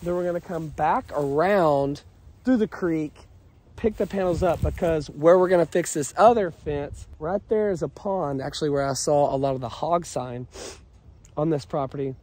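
A man's voice: a little high, normal speed, a little mellow. A man with a scratchy voice from a cold, casually explaining fence repairs outdoors on his rural property. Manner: easygoing, explains work step by step. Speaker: ranch vlogger. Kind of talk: casual outdoor vlog narration. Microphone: camera-mounted action cam.

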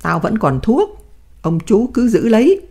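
A woman voicing a dignified old male prisoner who speaks in firm, measured sentences. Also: a little high, huge pitch swings, gravelly, warm tone, slightly rough, voice pushed up, exaggerated voice. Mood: friendly.

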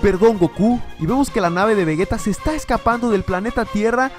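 A man hosting a reaction video, reading a fan comic aloud and acting out the characters' lines with shouts. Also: high-pitched, quick pace, faint music behind. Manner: animated, acts out characters' lines with loud yells.

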